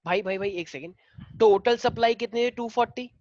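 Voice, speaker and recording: A man's voice: very high voice, fairly quick, darkish tone, dull audio. Hindi-teacher man quizzing his class. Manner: mixes Hindi and English, drills students with questions. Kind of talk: online class problem-solving.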